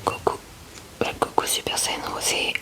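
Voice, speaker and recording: Her card collection on show, the ASMR host keeps whispering near the microphone, calm and unhurried, her remarks soft and a bit halting.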